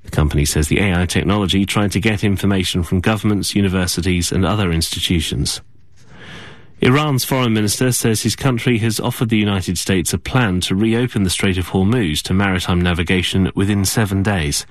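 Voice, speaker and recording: A man reading a radio news bulletin in a measured, formal way from a studio. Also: low voice, no room sound. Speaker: newsreader.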